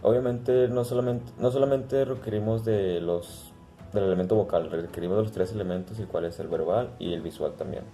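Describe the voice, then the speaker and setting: A man giving a class presentation, halting at times with pauses and restarts. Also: lowish voice, mellow, soft background music. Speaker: student presenter.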